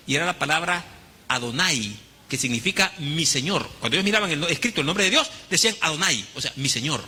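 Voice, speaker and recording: A Honduran man preaching a teaching sermon, his voice bright and sharp with a husky edge. He speaks with lively, rising and falling pitch and acts out the quoted voices. A long hall reverb trails behind him. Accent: Honduran Spanish. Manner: teaching, addresses congregation as brothers, dramatic quoted voices. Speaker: pastor.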